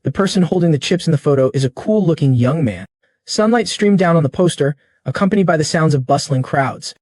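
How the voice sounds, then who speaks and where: A man giving a scripted narration of a comic story recap in a steady, even storytelling manner. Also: a little high, brisk, no echo, studio quality.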